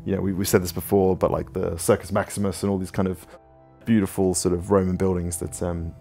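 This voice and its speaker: A deep-voiced man talks through viewer questions about his game, filling gaps with ums and you-knows as he rambles. His low voice sits over a faint bed of background music. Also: flat delivery, fairly quick, vocal fry, mellow. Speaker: game developer answering questions. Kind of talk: casual Q&A chat.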